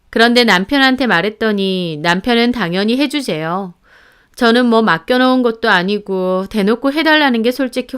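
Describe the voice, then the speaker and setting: A woman with a smooth, clear, fairly high voice tells a first-person story from a script. Her telling is steady and indignant. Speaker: narrator.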